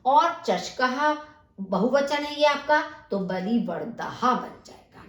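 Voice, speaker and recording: A woman's voice: sits high, animated, takes it slowly. A woman teacher working through a textbook exercise, spelling words out sound by sound and explaining each step. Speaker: Sanskrit teacher. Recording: echoey room.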